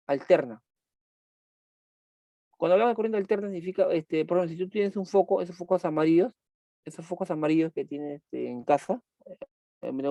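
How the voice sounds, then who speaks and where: A man's voice: a little high, mellow, no echo. A man teaching a chemistry class online, repeating key points and asking students questions as he goes.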